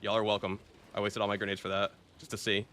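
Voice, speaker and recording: A male gaming streamer talks over his match in a relaxed, chatty way. His voice sits somewhat low. He keeps it loose and casual, dropping slang as he plays. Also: fast, a little hiss or hum. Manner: laid-back, chatty, says "bro" and "dude" often. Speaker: game streamer. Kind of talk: casual gameplay commentary.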